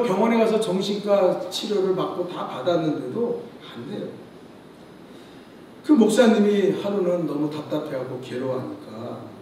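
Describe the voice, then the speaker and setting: A male pastor with a high, mellow voice preaches a sermon in a church sanctuary, telling stories emphatically and often prompting the congregation to respond. The mic is distant, the hall very echoey, and there's slight background noise.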